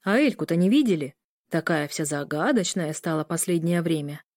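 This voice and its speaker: A woman's voice: low-pitched, animated, normal speed, darkish tone, dry recording, clean studio sound. A woman voicing a cheeky, flippant young man who jokes glibly.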